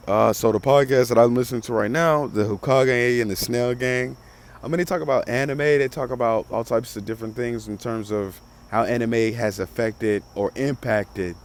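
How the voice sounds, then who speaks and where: A man's voice: medium pitch, a little mellow, a little hiss or hum. A man with a Southern US country accent, speaking as a podcast host in a casual motivational monologue, emphatic and repeating phrases for stress.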